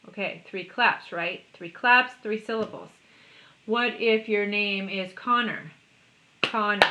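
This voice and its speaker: A woman art teacher giving a cheerful, encouraging lesson to children, speaking slowly and clearly. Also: mid-range voice, sharp tone, low-quality recording.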